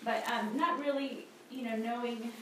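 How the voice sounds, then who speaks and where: Speaking a little high, with fairly even intonation and a moderate pace, this thirtysomething Honduran woman offers a casual testimony and prayer at a church ministry gathering. She often says um and restarts her sentences. It's a phone recording from a table, in an echoey, noticeably noisy room.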